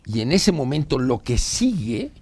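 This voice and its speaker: A man's voice: medium pitch, very animated, unhurried, a little mellow, husky. A man, a psychologist explaining ideas through anecdotes, acting out the quoted dialogue and tagging rhetorical "¿no?". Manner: storytelling, acts out quoted dialogue, asks rhetorical "¿no?". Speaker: psychologist guest.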